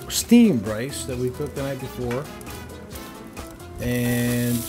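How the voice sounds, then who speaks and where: A relaxed man talks through his cooking step by step in a casual, friendly demo voice. His pitch sits in the middle. He is recorded outdoors on a phone camera, with music running clearly beneath him. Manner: easygoing, talks viewers through each step. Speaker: cooking channel host. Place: outdoors at a griddle on a patio.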